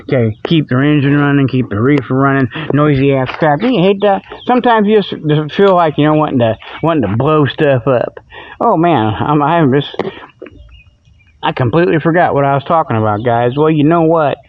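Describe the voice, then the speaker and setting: Speaking at an ordinary pace with a voice on the high side, this middle-aged American host of a comic radio-style show rambles off the cuff. He's folksy and colloquial, circling back to the same points and losing track of where he was. The sound is muffled, lo-fi and radio-like.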